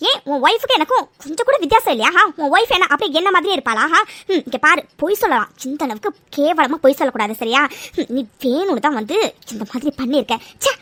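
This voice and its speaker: A woman's voice: sits high, big pitch swings, fast talker, hardly any pauses, bright, forceful tone, dry recording, heavily acted. A woman voicing an outraged young heroine in a cartoon dub, scolding and indignant. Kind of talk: Tamil cartoon fan dub.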